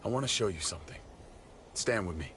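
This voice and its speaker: Low-voiced, commanding militia leader. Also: male voice, lively intonation, fast, fairly bright tone, a little hiss or hum. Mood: bitter, brooding. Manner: curt, commanding. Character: hardened commanding militia leader, defiant, estranged father. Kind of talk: dramatic video game acting.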